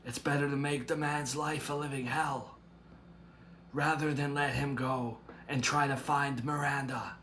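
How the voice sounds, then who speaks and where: A man voicing a stern older grandmother who speaks in a measured, grave and threatening way, in an amateur drama. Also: mid-range voice, level tone, a bit bright, a little hiss or hum, close to an everyday voice. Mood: menacing. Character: stern protective grandmother, older woman, menacing resolve.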